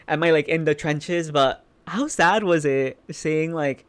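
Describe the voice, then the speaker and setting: A man's voice: fairly high pitch, slow pace, smooth. A man giving casual, chatty reaction commentary, informal and emphatic, repeating phrases for emphasis. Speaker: reaction video host.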